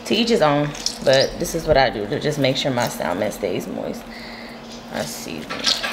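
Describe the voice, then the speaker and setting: A woman's voice: a bass voice, sing-song, normal speed, creaky. A young woman chatting casually as she walks viewers through a recipe in her home kitchen. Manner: chatty, explains each step to viewers. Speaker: cooking vlogger. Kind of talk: casual cooking demo. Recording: loud kitchen noise behind.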